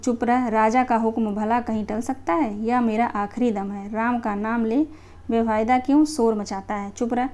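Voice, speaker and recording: A woman reading the lines of a gruff male soldier who orders a prisoner to be quiet, read aloud from a play text. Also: a little high, steady tone, moderate pace, close to an everyday voice. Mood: bossy.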